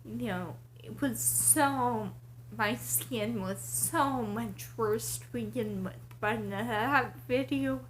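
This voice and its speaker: A woman vlogger with breathy, airy starts to her words, talking casually in slow, halting, short broken phrases. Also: on the high side, slight background noise, poor audio. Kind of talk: casual personal vlog to camera.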